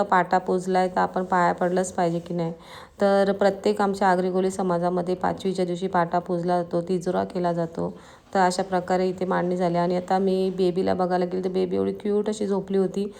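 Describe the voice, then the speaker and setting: A woman from Maharashtra narrating a casual vlog in a hoarse voice that is giving out, chatting straight to her viewers. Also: on the low side, level tone, brisk, darkish tone. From Maharashtra, India. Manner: chatty, addresses viewers directly. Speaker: vlogger.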